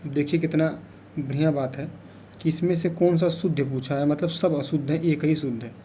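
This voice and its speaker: A man leading an exam revision lesson, speaking patiently and going back over key words. His voice sits a little high for a man but sounds dark and mellow. There is a faint hiss of room noise behind him. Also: steady tone, moderate pace. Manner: explains patiently, repeats key words, keeps saying "theek hai". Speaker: teacher.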